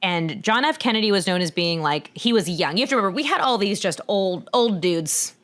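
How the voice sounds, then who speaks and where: A woman in her thirties co-hosting a podcast, explaining things in a chatty, casual way, laughing often and getting animated when she quotes people. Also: mid-range voice, fairly quick. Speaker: podcast co-host.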